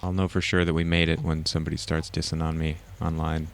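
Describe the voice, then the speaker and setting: A man with a very deep, gravelly voice, co-hosting a podcast in relaxed chat. He sounds eager and joins in with jokes. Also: fast. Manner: eager, joking. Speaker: podcast co-host. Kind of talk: casual chat.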